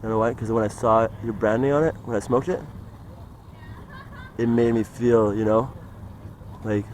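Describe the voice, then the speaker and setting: Young man, low mellow voice, meandering casual vlog talk, faint street noise. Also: fairly even intonation, moderate pace, rough recording. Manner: meandering, trails off, frequent "like" and "you know". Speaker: vlogger. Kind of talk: rambling casual monologue.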